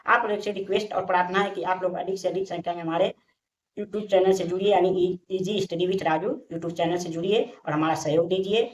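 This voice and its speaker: A woman's voice: fairly low pitch, fairly even intonation, fairly quick, poor audio. A woman teaching a lesson in a patient, repetitive way, asking questions and answering them herself. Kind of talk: explaining lesson step by step.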